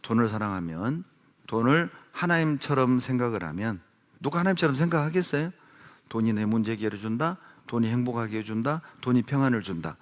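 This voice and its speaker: A middle-aged man preaching a sermon as pastor, emphatic and animated, often asking rhetorical questions. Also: medium pitch. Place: church hall with long reverb. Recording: reverberant church hall recording.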